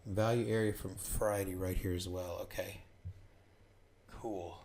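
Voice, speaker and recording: A man's voice: deep voice, steady tone, a little slow, darkish tone, slight background noise. A man giving live trading commentary, calling out prices and orders in short bursts and talking himself through the trade.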